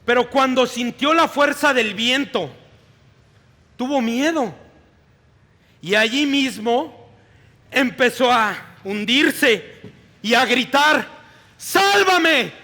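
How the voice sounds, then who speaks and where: A male pastor giving a sermon in a church hall, reading scripture in a slow, deliberate way. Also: very high voice, sharp tone. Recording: long reverb of a large hall.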